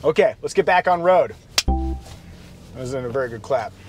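A man hosting a casual car review from inside a minivan while he drives, chatty and relaxed, with playful asides. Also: medium pitch, normal speed, music in the background.

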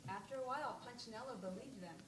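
A woman reading a storybook aloud on stage at a school program, briskly. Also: on the high side, crowd noise. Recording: echoey hall, mic far off.

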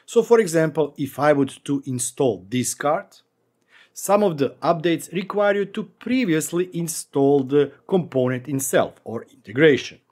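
A man's voice: a little high, a little mellow. A man in his forties hosting a screen-recorded tech tutorial from a home office, talking through steps with wry asides. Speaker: tech channel host.

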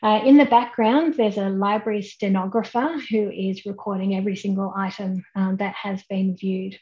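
A woman, giving a measured, explanatory conference keynote over a webcam. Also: medium pitch, steady tone, darkish tone, muffled recording. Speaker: keynote speaker. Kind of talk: online conference presentation. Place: indoors at home, plain wall behind. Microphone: webcam at desk, head and shoulders framing.

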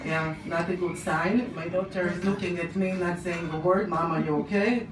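This live storytelling comes from a middle-aged Polish woman whose accent is Israeli; her voice runs lowish at normal speed, and she gestures with animation while the crowd laughs. She stands on stage in a small, dark room. The recording, made through a handheld mic on a stand with a far camera, sounds distant, roomy and noisy.

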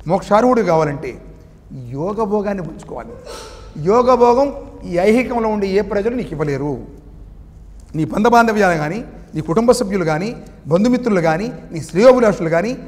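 A man preaches a spiritual sermon, chanting verses slowly before explaining them. He often poses a question and answers it himself, in a fairly high voice. Long reverb trails behind his words. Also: darkish tone. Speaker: spiritual teacher.

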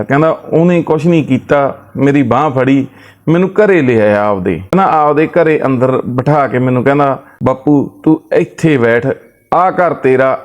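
A man's voice: medium pitch, darkish tone. A man, retelling another man's family story and relaying his words with repeated "he says".

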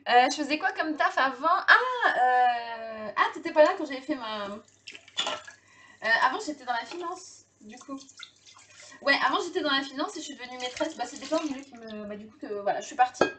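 A high-pitched woman in her thirties chats with her viewers during a live cooking stream. Her talk is loose and friendly, with frequent laughs, fillers and restarts. A faint noise sits under the recording. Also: lively intonation, normal speed. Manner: chatty, laughs often, many fillers and restarts. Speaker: livestream host cooking.

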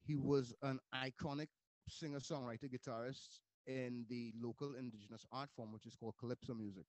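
A man's voice: medium pitch, steady tone, brisk, darkish tone, no room sound. A man from Trinidad, a music producer, talking casually as an interview guest over a video call and rambling with restarts.

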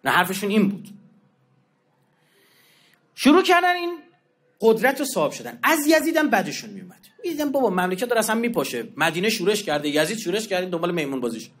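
Lively high-pitched male religious lecturer. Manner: animated storyteller, acting out quoted exchanges; informal street slang and asides. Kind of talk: colloquial religious history lecture.

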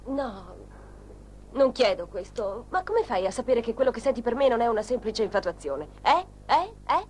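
A woman's voice: a little high, sing-song, moderate pace, a little mellow, slight background noise. A woman voicing a hesitant, doubtful young woman being courted, in a dubbed telenovela. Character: wary young woman named Rosa. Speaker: romantic heroine.

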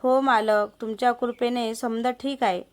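A woman's voice: a little high, fairly even intonation, measured pace, natural voice. A woman voicing a meek, drunken village husband who defers to his master.

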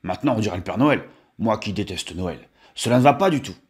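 A man's voice: lowish voice, expressive, quick pace, voice pushed down, lightly acted. A man voicing a fussy, grumbling wolf. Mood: fed up. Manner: grumbling, exclaiming complaints. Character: fussy vain male wolf, never pleased. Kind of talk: storybook reading.

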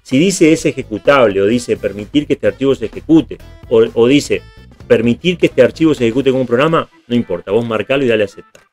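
A man's voice: medium pitch, expressive, fast talker, a little mellow, soft background music. A man teaching programming step by step in a screen tutorial, often checking that viewers follow. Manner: patient, step by step, checks in with "¿está bien?".

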